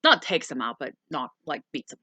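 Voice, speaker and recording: Woman co-host, lower-pitched, bright tone, rambling plot recap, dry room. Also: big pitch swings, brisk, husky, no echo. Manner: rambling, with frequent ums and plain swearing. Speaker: movie review co-host. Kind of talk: casual chat summarizing a movie plot.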